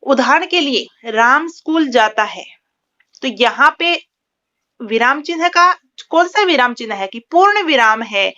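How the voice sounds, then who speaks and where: Bright-voiced woman teaching grammar, lo-fi. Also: fairly high pitch. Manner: repeats key terms, checks in with "ठीक है". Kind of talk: explaining a lesson to students.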